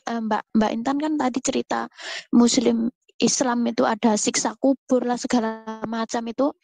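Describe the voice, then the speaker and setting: This is a woman taking her turn to speak in a group session, searching for her words and filling pauses with long hesitation sounds. Her voice is somewhat high for a woman. The sound is dry and close, with no room around it. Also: steady tone, vocal fry, darkish tone, no room sound. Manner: hesitant, many drawn-out fillers. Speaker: participant asking a question. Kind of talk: spontaneous talk in an online group session.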